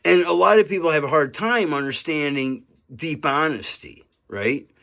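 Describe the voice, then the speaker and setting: A man's voice: a little high, moderate pace, creaky, pushed and bright. A man in his fifties talking earnestly in a rambling monologue, often asking "right?" and chuckling now and then. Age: 50s. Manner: rambling and earnest, with frequent "right?" and "you know". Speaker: vlogger. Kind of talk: casual monologue to camera.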